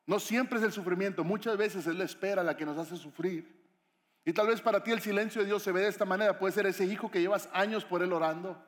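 Brief: male pastor, high voice, conversational sermon, echoey church hall. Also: brisk. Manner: conversational, questioning the audience.

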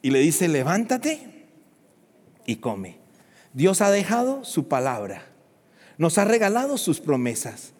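High-voiced preacher man in reverberant church. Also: very animated, moderate pace. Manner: swings from hushed to shouted, dramatic storytelling. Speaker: pastor. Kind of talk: sermon.

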